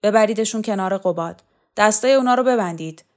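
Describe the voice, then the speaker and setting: A woman's voice: medium pitch, darkish tone, lightly acted. Woman reading as a stern female commander. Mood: commanding. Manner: harsh, commanding, clipped orders.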